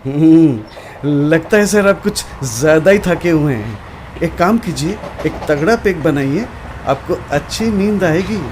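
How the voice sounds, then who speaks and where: An actor playing a calm, sensible train ticket examiner in a horror audio drama. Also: male voice, on the high side, unhurried, noisy background. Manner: reassuring, then scared.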